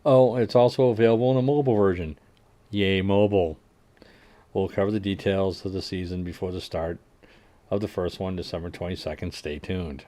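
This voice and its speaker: This man, a livestream host and first-language English speaker, goes through game update notes briskly with a fairly low voice and fairly even intonation. His casual reading is full of fillers and restarts around the numbers, punctuated by dry asides that trail away quietly.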